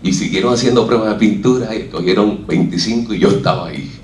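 Deep-voiced Puerto Rican man in an echoey hall. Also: fast, far from the mic. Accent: Puerto Rican Spanish. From Puerto Rico. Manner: animated storyteller, acts out what others said. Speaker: speaker at a talk. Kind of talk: personal storytelling talk. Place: stage in a hall with an audience.

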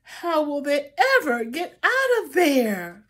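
This storybook reader is an older woman with a high, sing-song, unhurried voice, reading to children in a small room at home. Phrases get theatrically drawn out, and she tosses in asides to her audience.

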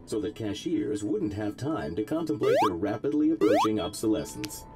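A man voicing a cheerful, sardonic male robot guide in a game, with a chipper announcer delivery and deadpan jabs. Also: fairly low pitch, normal speed. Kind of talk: scripted game narration. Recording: game audio over loud music.

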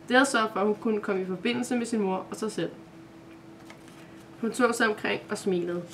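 A woman reading a children's advent-calendar story aloud at a steady pace, with small self-corrections. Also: mid-range voice, a little hiss or hum.

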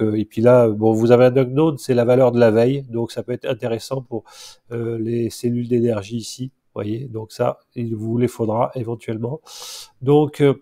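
A man in his forties with a nasal, stuffed-up voice from allergy, giving a casual, improvised screen-share tutorial in a hesitant, halting way. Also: mid-range voice, dark tone. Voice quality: nasal, congested from a blocked nose. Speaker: vlogger showing his home solar setup.

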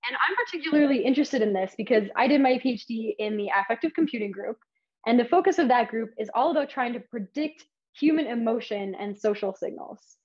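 A woman's voice: on the high side, lively intonation, fairly quick, dull audio. A woman giving an academic lecture, explaining her research in an enthusiastic, conversational way.

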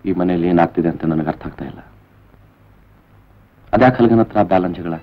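An actor playing an irritable, suspicious husband who fires sharp, accusing questions, in a 1970s Indian film. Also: male voice, sits low, brisk. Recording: dull old film soundtrack with faint music.

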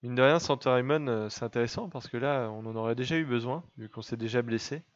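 A man's voice: mid-range voice, fast, dull audio. Chatty young man narrating his gameplay. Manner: chatty, teasing his game pet, laughs often. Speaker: let's play gamer. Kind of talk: casual gameplay commentary.

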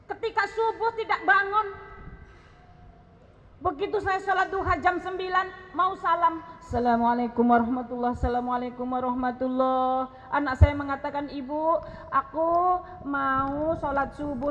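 A woman's voice: sits high, moderate pace, pauses often, a bit bright. A woman preacher giving an impassioned sermon testimony, her voice rising to pleading cries. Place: large hall. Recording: lo-fi with long hall reverb.

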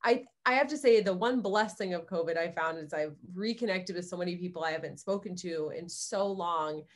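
A woman's voice: fairly low pitch, a little fast. A young woman guest in a casual chat, eagerly explaining things step by step.

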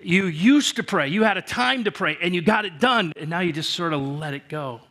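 Guy pastor preaching in church, kinda high bright voice, earnest, keeps restarting, trails off soft at phrase ends. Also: lively intonation, moderate pace. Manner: earnest, repetitive direct address with frequent restarts. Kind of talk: sermon.

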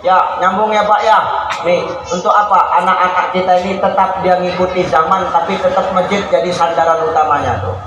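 Brief: high-pitched male preacher, comic sermon, long hall reverb, faint noise. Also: a little fast. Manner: lively, jokey, addresses the audience as "Pak". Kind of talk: humorous sermon.

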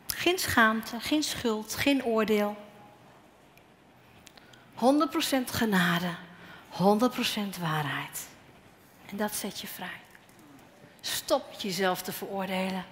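A woman preaching a sermon, telling personal stories and acting out the dialogue, her voice a bit strained. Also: fairly high pitch. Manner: animated storytelling, acting out dialogue. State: slightly strained voice. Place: church hall. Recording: echoey hall with faint noise.

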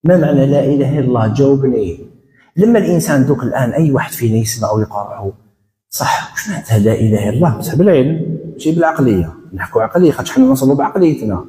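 A man with an Algerian accent giving a religious lecture as an educational counselor, animated and acting out little dialogues as he goes. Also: medium pitch, very fast. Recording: roomy hall reverb.

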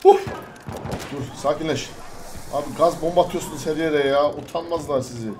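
A man giving casual gameplay commentary, excitable, swearing and bossing his teammates around. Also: on the high side, a little fast, background noise. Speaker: gamer. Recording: loud gunfire and explosions from the game. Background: game gunfire and bombardment.

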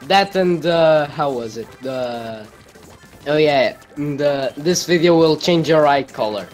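A man chatting through a video game stream, joking around and trading trash talk with his friends. His voice sits a touch high and swings widely in pitch, and he takes his time with the words. Faint game music runs underneath. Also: animated, slow pace. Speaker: gamer on a live stream. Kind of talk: casual gaming banter.

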